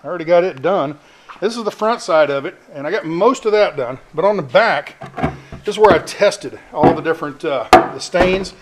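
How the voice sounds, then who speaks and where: A man's voice: on the high side, animated, moderate pace. A middle-aged man giving a casual, rambling, self-deprecating hands-on show-and-tell in a folksy way, as host of a do-it-yourself vlog. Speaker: host of a DIY build vlog. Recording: echoey room, faint noise, camera mic.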